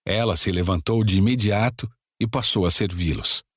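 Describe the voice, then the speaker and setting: Calm low-voiced narrator. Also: male voice, normal speed, slightly rough, no room sound, studio quality. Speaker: Bible narrator. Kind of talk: scripted scripture narration.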